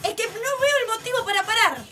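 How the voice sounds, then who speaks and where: A woman's voice: very high-pitched, quick pace, over music. A young woman with a Rioplatense accent, co-hosting a stream and telling frank, joking stories. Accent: Rioplatense Spanish. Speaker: stream co-host. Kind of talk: casual chat.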